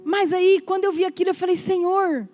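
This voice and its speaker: Brazilian woman pastor, high voice, chatty animated sermon delivery. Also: quick pace, soft background music. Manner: animated, conversational preaching with asides and laughter. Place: church.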